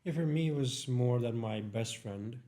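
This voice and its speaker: A young man from India, a student guest on a podcast, talking in an easygoing, low-key way. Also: moderate pace. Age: young adult. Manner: easygoing, low-key, animated when telling a story. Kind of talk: casual podcast chat.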